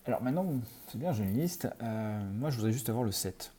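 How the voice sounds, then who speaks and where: A programming tutor records a screencast coding tutorial, talking through his code as he types and thinking aloud with many fillers. His mid-range voice is warm, quick and lively in intonation.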